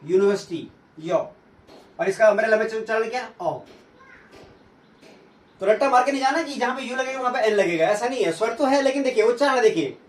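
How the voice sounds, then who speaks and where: Male teacher, high voice, drills learners with questions he answers himself, heard from a distance in an echoey room. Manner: asks questions and answers them himself, repeats sounds slowly. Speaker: English teacher. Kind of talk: classroom grammar lesson.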